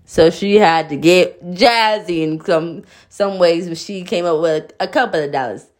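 A young woman talks straight to her viewers in a loose, casual recap, swearing freely and breaking into laughing asides. Her voice sits on the low side, and she takes her time, drawing out her words at an unhurried pace. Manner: animated, profane, laughing asides. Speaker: vlogger.

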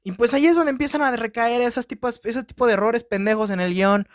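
A man with a Mexican Spanish accent hosting a low-budget podcast, reviewing a film in a crude, profane, joking way. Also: fairly quick, no echo, clean studio sound. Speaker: podcast host. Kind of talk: casual film review rant. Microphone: podcast microphone.

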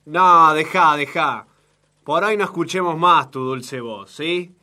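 A man's voice: on the high side, slow pace, pushed and bright, heavily acted. A man with an Argentine Spanish accent playing a leering, sexist factory boss who talks down to a worker in a comic audio sketch. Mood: oily. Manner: patronizing, oily sweet-talk with veiled threats.

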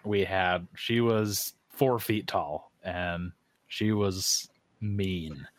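A man's voice: low voice, steady tone, extremely slow, no room sound. A laid-back man in casual chat who mostly gives short replies and talks about basic training.

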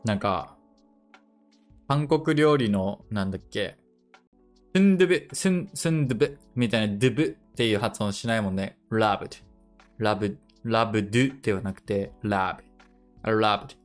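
Man slowly sounding out English phrases. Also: fairly low pitch, expressive, soft background music. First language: Japanese. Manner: muses aloud, repeats English phrases slowly to test them. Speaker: podcast host leading a dictation session. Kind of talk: casual thinking-aloud language lesson.

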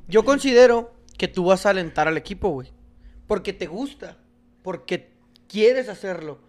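A man with a Mexican accent in casual sports chat, animated and argumentative, full of slang. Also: sits high, normal speed.

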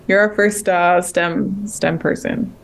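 A woman's voice: mid-range voice, drawn-out words, vocal fry, a little hiss or hum. A woman hosting a podcast in a conversational style. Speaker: podcast host.

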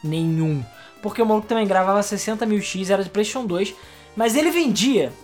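Fast-talking woman from Rio. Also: mid-range voice, soft background music. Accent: Rio de Janeiro Portuguese. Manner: animated storytelling, acts out quoted exchanges. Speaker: podcast co-host. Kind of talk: casual podcast chat.

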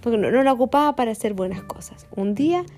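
A woman's voice: fairly high pitch, fast talker. Woman telling a children's story. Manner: animated, breaks into character voices and chants.

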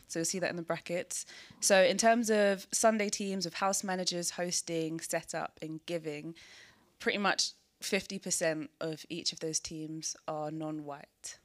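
A woman with a slightly low voice and a south London accent. She talks in a chatty, informal way, as if co-presenting to a group. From south London, England. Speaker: church team member co-presenting a talk.

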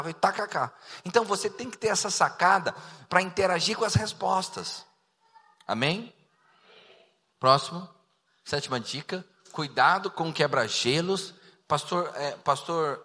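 A man preaching as a pastor, humorous and animated, joking with his congregation during a sermon. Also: a little high. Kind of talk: sermon teaching to a church. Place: church hall. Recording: long reverb of a large hall.

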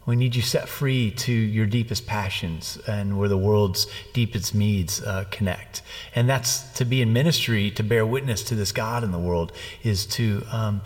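A man's voice: fairly low pitch, normal speed, hardly any pauses. Affirming male co-host with reverb. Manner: affirming, thoughtful. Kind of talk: conversational church podcast.

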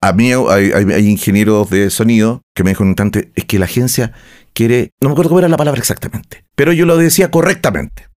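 A man's voice: on the low side, quick pace. A Chilean man telling stories in a casual, slangy conversation. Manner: animated storyteller, slangy.

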